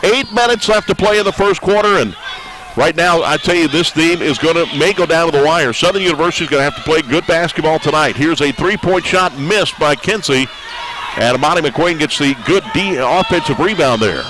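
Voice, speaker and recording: Man, basketball play-by-play announcer, slightly high-pitched, middle-aged, folksy conversational delivery. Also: fairly quick, poor audio. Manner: folksy, conversational, frequent "uh" fillers. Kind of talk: live basketball commentary.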